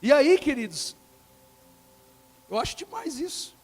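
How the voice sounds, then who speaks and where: A man preaching a sermon, acting out quoted dialogue and swinging between loud bursts and soft, quiet lines. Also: very high voice, big pitch swings, a little slow.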